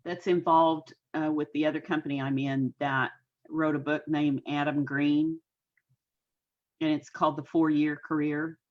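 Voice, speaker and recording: A woman in her sixties, a guest on an online interview, talking in an earnest, measured and folksy way. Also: sits low, level tone, lo-fi sound. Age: 60s. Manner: folksy, homespun phrasing. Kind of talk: casual interview talk. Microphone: video call.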